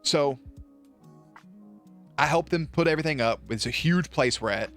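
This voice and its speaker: A man's voice: a little high, normal speed, soft background music. Young guy telling a rambling story. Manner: loose, profane, animated retelling with acted quotes. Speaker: streamer. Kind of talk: casual storytelling.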